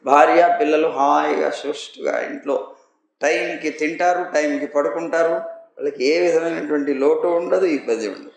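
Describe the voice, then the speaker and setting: A man's voice: a little high, moderate pace, gravelly, echoey room, rough recording. A man, a religious teacher, delivering a devotional sermon with anecdotes, emphatic and full of rhetorical questions and repetition. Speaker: religious teacher giving a scripture discourse.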